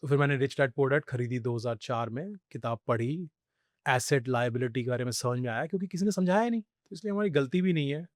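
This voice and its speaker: Here a middle-aged Indian podcast guest recounts stories conversationally and with lots of energy, blending English phrases into his Hindi. His mid-range voice runs a little fast, and the recording is dry.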